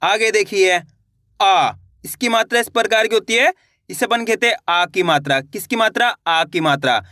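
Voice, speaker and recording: A man's voice: sits high, normal speed, pushed and bright, no room sound, studio quality. A young man teaching a beginner reading lesson, patiently repeating each question and answering it himself.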